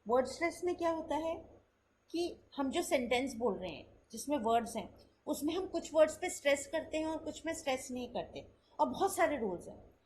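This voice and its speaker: A woman teaching spoken English in a lesson, explaining step by step in Hindi mixed with English and saying sample sentences slowly to show the contrast. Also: high voice, very animated, darkish tone, slight background noise, low-quality recording.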